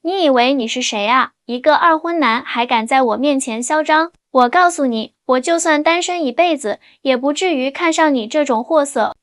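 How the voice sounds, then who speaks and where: A woman voicing a haughty, sharp-tongued single woman of thirty-eight. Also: high-pitched, moderate pace, hardly any pauses, no room sound, studio quality. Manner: haughty, indignant.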